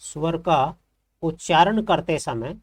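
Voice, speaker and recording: A man's voice: fairly high pitch, animated, takes it slowly. Hindi-speaking male teacher quizzing the class. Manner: repeats terms and asks questions to the class. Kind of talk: classroom lesson.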